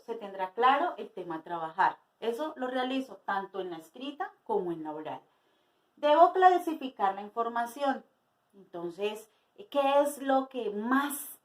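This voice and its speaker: A woman teacher giving a spoken lesson to her students, explaining slowly and asking rhetorical questions. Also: a little high, low-quality recording.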